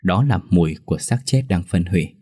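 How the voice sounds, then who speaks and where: A man reads a first-person ghost story aloud, tense and measured. His voice is very deep with a husky, breathy edge. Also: animated, warm tone.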